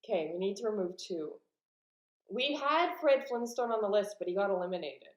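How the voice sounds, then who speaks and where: A woman's voice: mid-range voice, expressive. Young woman streamer, mid-range voice, reads chat aloud, casual, echoey room. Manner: reads out chat comments, quick opinions. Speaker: streamer, host.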